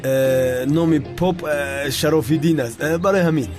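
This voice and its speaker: A man's voice: fairly high pitch, natural voice. A man dubbing a puzzled bystander in a film, over music.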